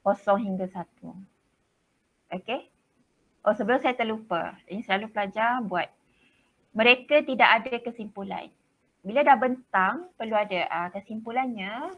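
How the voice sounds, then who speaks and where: A woman's voice: fairly high pitch, moderate pace, lo-fi sound. A woman teacher with a Malaysian Malay accent, chatty and direct as she explains how class presentations are marked, now and then slipping English words into her talk. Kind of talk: classroom briefing on presentation marking.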